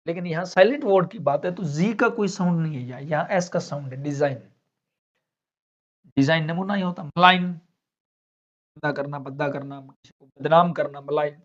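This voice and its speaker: A man's voice: on the high side, normal speed. A male teacher explaining English silent letters in a classroom lesson. He asks questions and answers them himself, step by step. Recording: dull lo-fi sound.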